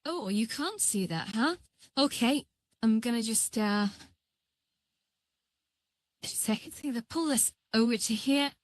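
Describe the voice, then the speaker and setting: Female tutorial streamer, voice-changer processed, higher pitch, dry close sound, halting and thinking aloud as she works. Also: lively intonation, no echo. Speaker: livestream tutorial host. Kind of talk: casual live software tutorial.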